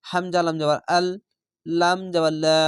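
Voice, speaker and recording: Male Quran teacher, patient repetitive spelling drills, slightly high, clean voice, dry recording. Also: flat delivery, unhurried, smooth, no echo. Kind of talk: letter-by-letter spelling lesson.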